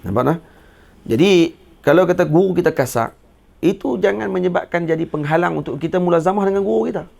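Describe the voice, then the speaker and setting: Gravelly-voiced Malay religious teacher. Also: male voice, high-pitched, a little mellow. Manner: reads Arabic text slowly, then explains in colloquial Malay with jokes and laughter. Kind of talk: kitab study lecture.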